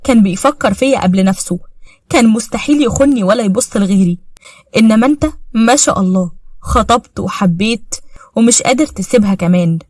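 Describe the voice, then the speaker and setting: A woman's voice: medium pitch, fairly quick, dry recording, natural voice. Name: Nada. Bitter young Egyptian wife voiced by a woman narrator. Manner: reproachful, sharp retorts.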